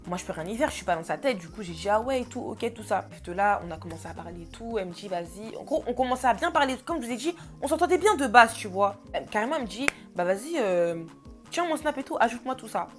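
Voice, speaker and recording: A woman's voice: medium pitch, lively intonation, fast talker, hardly any pauses, music in the background. A young woman vlogger telling a story in a casual, chatty, slangy way, full of fillers.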